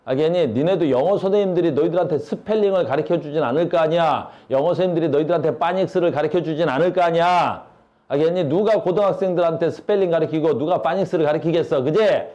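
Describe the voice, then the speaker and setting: A man's voice: a little high, quick pace, dark tone, lo-fi sound. A male science teacher giving a classroom lecture, blunt and slangy, asking his students questions all the time.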